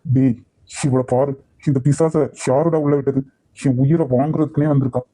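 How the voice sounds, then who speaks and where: A man with a Nagercoil Tamil accent voicing an arrogant, short-tempered young company boss in a cartoon, gruff and commanding. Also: mid-range voice, fairly even intonation, normal speed, dark tone, no echo, lightly acted, low-quality recording. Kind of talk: cartoon voice acting.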